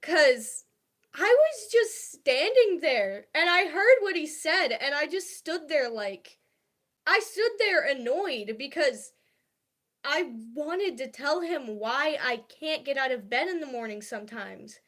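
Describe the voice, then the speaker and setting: A young woman chats on her livestream in a slow, slightly high voice. She talks hesitantly, full of fillers and restarts, confiding softly about how she feels. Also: very animated. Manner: confiding and soft-spoken about feelings. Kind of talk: casual livestream chat.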